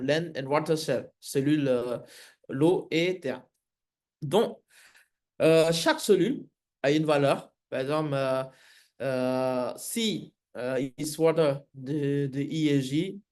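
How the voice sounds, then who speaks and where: A man who is not a native French speaker, with a foreign accent in French, teaches a live coding lesson haltingly, often searching for words. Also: fairly high pitch, darkish tone. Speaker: programming instructor.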